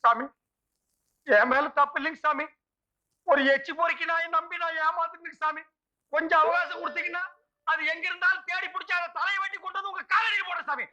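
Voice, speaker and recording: An actor playing a village con man in a film comedy, pleading and shouting. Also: extremely high pitch, steady tone, fairly quick, dull audio, exaggerated voice.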